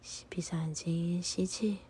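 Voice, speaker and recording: A woman leading a guided meditation and prayer, speaking softly and calmly, often in a half-whisper. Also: fairly low pitch, a little hiss or hum. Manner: soft, breathy, often half-whispered delivery; slow, calm, instructive.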